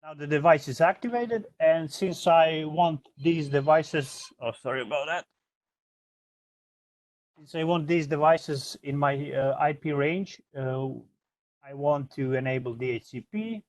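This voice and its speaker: A product trainer with a slightly high voice demonstrates software at a measured pace, giving an informal, hesitant step-by-step walkthrough. There's no room sound on the recording.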